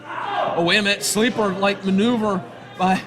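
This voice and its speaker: A man working as a wrestling commentator, calling the moves live in an excitable, exclamatory way. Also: high voice, moderate pace, a crowd in the background.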